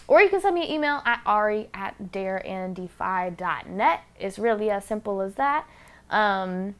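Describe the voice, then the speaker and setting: A woman's voice: medium pitch, a bit bright. A woman hosting a casual solo podcast, talking candidly and bluntly and swearing freely into a close microphone. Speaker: podcast host.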